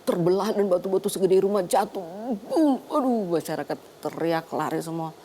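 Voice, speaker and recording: An older woman doctor, a guest on a talk show, telling her story in a lively way and laughing often. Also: on the low side, brisk, slight background noise.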